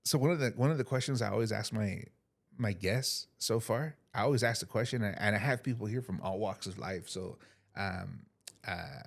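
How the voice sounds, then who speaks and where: Gravelly, low-voiced man hosting a podcast. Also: moderate pace. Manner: loose and hesitant, lots of ums and uhs. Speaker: podcast host. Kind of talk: casual interview chat.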